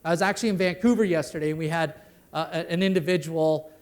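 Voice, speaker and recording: A man's voice: fairly high pitch, fast. A middle-aged man giving a conversational conference talk on network security, ending many sentences with "right?". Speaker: conference speaker. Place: conference hall.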